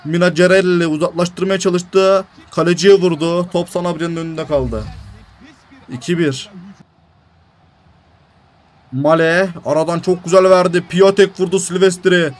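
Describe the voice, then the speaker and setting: Excitable young man commentating a football game. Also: high voice, measured pace, pauses often. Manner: excitable play-by-play, shouting at goals and griping at the referee. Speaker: gaming YouTuber.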